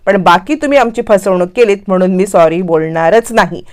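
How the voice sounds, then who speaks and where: A woman's voice: mid-range voice, a little fast, pitched below the performer's own voice, lightly acted. A woman voicing a proud, defiant woman with attitude, talking in a haughty, firm way.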